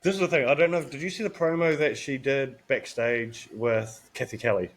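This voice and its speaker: A man co-hosting a wrestling podcast, relaxed and conversational as he pitches ideas to his co-host. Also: moderate pace. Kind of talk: casual podcast chat.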